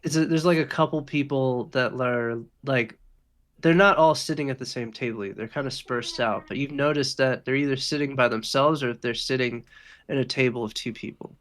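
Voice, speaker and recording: A man's voice: medium pitch, a little fast, a bit bright. Laid-back male game master. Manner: laid-back, loose narration. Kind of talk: narrating a tabletop game.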